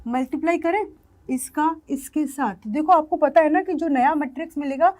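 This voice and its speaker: A woman teacher walks her students through a maths problem step by step, stopping often to check they are following. Her voice sits high and light. She sounds patient and easy. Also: moderate pace, a little mellow. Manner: explains step by step, asks the class questions. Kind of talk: online maths lesson.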